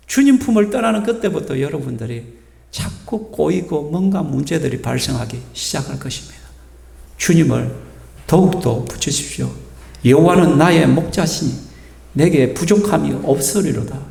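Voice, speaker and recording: A male pastor delivers an emphatic sermon, firing rhetorical questions at his congregation. His voice sits a little high and carries a gravelly edge. The church hall adds a long, echoing reverb with faint music behind him. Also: a little mellow. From South Korea. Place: church sanctuary.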